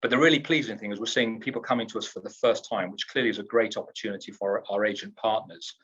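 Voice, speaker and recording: A man's voice: on the low side, steady tone, fast, a bit bright, husky, lo-fi sound. A man from the UK, a cruise line executive in a trade interview, talks up his company in an upbeat, salesy way and often restarts his words.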